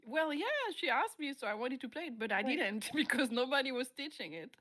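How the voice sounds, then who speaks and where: A French-born woman whose first language is French, talking in a relaxed, chatty way as an interview guest. Her voice sits a little high, and she laughs easily while hunting for the right English word. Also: brisk. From France. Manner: chatty, laughs often, searches for English words. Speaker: interviewed musician. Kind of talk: casual interview chat.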